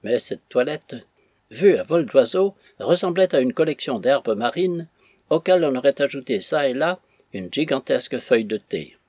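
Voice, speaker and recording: A man reading a classic novel aloud in measured storytelling narration. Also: medium pitch, expressive, darkish tone, slightly rough, dry recording. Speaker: audiobook reader.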